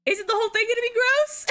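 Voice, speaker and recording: A woman's voice: very high-pitched, sharp tone. A young woman chatting casually on her stream, giggling and laughing often between sentences. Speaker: VTuber streamer.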